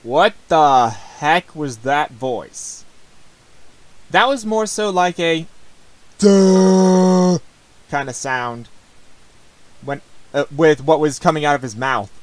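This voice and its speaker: Male host, slow hesitant reaction commentary, slightly higher voice. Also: fairly bright tone, no room sound, rough recording. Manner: rambling, hesitant, full of restarts. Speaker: host reacting to his old videos.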